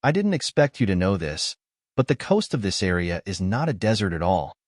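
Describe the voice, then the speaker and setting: Scornful low-voiced man lecturing. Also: sing-song, a little fast, no room sound, clean studio sound. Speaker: commentary video narrator. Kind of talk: argumentative commentary.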